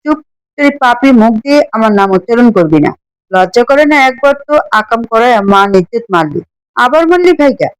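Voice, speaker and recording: A woman's voice: a little high, normal speed, a little mellow, no echo, close to an everyday voice, poor audio. A woman voicing an angry middle-aged father who harshly scolds his daughter.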